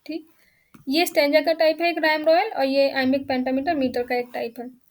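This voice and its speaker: High-voiced Indian woman teaching. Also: level tone. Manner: explains step by step, reads English questions slowly. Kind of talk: exam-prep lecture.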